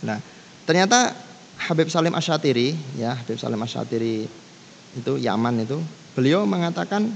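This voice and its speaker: A Javanese-accented Islamic teacher leads a casual kitab study, easygoing as he switches between languages and recites Arabic passages. His mid-range voice is animated and gravelly at normal speed, with long pauses. The recording has long reverb and faint background noise.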